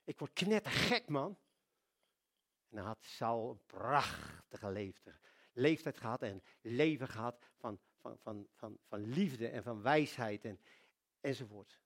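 A man preaching a sermon, telling stories with sudden swings in loudness and frequent repetitions. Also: fairly low pitch, lively intonation, measured pace, gravelly.

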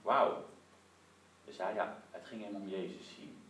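Lively male preacher in an echoey room. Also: low-pitched, a little slow. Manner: lively storytelling with many rhetorical asides. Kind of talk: sermon with prayer for listeners at home. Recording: roomy echo, distant mic, faint noise.

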